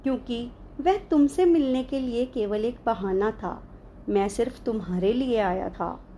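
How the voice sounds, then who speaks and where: A woman voicing a gentle, affectionate older male spiritual guru who speaks softly and lovingly, in her own slow reading voice. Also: on the high side, a little hiss or hum. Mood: tender. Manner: soft-spoken, loving.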